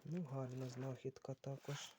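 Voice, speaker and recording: A man sorting old books on camera, unhurried and musing as he reads titles aloud. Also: mid-range voice, level tone, noisy background. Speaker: book collector vlogger. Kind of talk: casual talk while sorting books.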